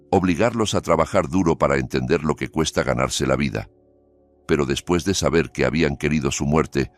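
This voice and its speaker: A man reading a dramatic story aloud as scripted narration, in a steady, grave storytelling manner. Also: very deep voice.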